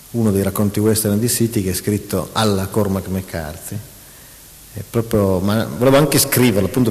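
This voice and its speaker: Writer talking shop on stage, lowish male voice, lively delivery with restarts, long hall reverb. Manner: animated, reads out mock prose passages, many restarts. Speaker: writer talking about his craft. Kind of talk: public talk with an interviewer.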